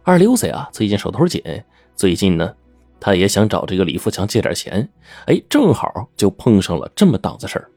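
男说书人，嗓音低沉，讲故事抑扬顿挫，话语随意亲切。配着隐约的背景音乐。. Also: male voice, on the low side, a little fast, breathy edge, no echo, faint music behind. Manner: lively, colloquial, chatty asides. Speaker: storyteller. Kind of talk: oral storytelling.

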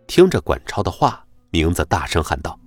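A man narrating a web novel audiobook in an expressive storytelling manner. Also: deep voice, normal speed, faint music behind.

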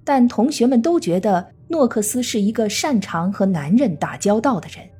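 A woman true crime narrator reading a scripted case story in a measured storytelling manner. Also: fairly high pitch, lively intonation, mellow, husky. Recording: faint music under the voice. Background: faint background music.

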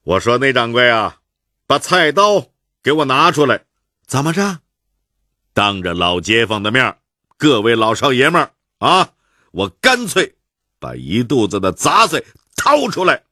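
A man's voice: medium pitch, big pitch swings, a little slow, sharp tone, no echo, studio quality, pitched above the performer's own voice. A man with a Beijing accent voicing a jovial, stubborn old Beijing bird fancier who jokes wryly. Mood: joking. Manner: wry joking banter.

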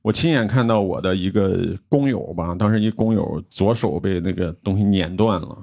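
A young man, a podcast co-host, telling a personal story in casual chat, animated and acting out quoted dialogue. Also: low voice, moderate pace, creaky.

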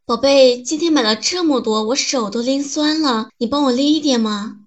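A woman's voice: high voice, normal speed, a little hiss or hum, lightly acted. A woman acting a doting partner who coaxes and soothes in a comedy skit. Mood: coaxing. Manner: coaxing, pleading, soothing.

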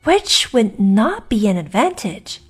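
A woman's voice: mid-range voice, sing-song, takes it slowly, breathy edge, soft background music, heavily acted. A woman voicing an earnest, fretful young girl in a read-aloud story. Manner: eager, fretful.

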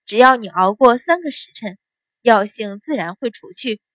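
A woman voicing a calm young maid who speaks mildly and unhurriedly. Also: fairly high pitch, dry recording, clean studio sound. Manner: mild, unhurried.

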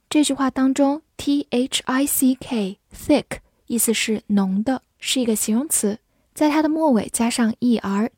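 A woman teaching English vocabulary in a slow, careful way, spelling out words letter by letter and repeating them. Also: fairly high pitch, warm tone, breathy edge, dry recording, clean studio sound. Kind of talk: vocabulary lesson.

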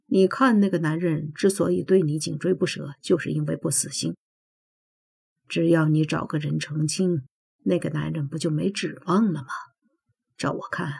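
A woman's voice: low voice, vocal fry, a little mellow, breathy edge, exaggerated voice. A woman voicing a playful middle-aged male godfather who brags and teases in a coaxing way, in a storybook reading. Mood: teasing. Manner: joking, boastful, coaxing.

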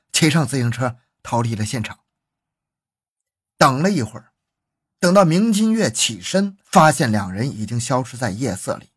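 Brief: male documentary narrator, husky, animated pitch, dramatic true-crime reading. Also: no room sound, clean studio sound. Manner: dramatic, suspenseful storytelling.

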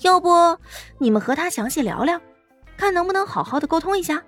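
A man voicing a fierce, sharp-tongued young woman fighter who talks down to thugs with scorn. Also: very high-pitched, lively intonation, brisk, soft background music, pitched above the performer's own voice. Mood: scornful. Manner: scornful, bossy.

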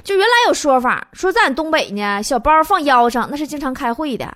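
A woman's voice: high-pitched, lively intonation, a little fast, noisy background. A woman with a Northeastern Mandarin accent giving a playful comic monologue as host, laughing often. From Northeast China. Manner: playful storytelling, frequent laughter. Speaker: comedy show host.

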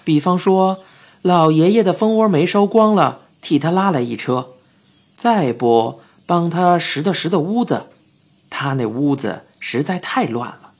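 A narrator telling a children's story in the first person, with lively and expressive delivery. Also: medium pitch, measured pace, slightly rough. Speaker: audiobook narrator. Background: faint background music.

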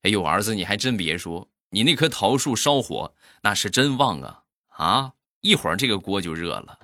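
A cheerful older mother voiced by a man chats in a matter-of-fact way in a comic storybook-style anecdote. The voice stays low and bright, with a dry close sound. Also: very animated, normal speed, no room sound, full character voice.

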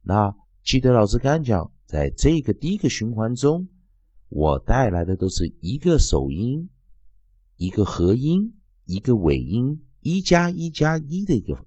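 A man teaching English phonics and drilling each sound slowly over and over. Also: fairly low pitch, darkish tone, husky, no room sound. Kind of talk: phonics lesson.

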